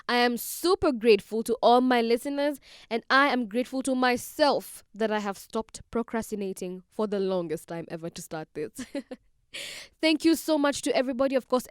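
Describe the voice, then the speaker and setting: A woman's voice: a little high, clear, resonant tone, no echo, studio quality. A 21-year-old woman, hosting her own podcast in a bubbly, chatty way, talking straight to her listeners. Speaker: podcast host. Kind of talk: solo podcast monologue.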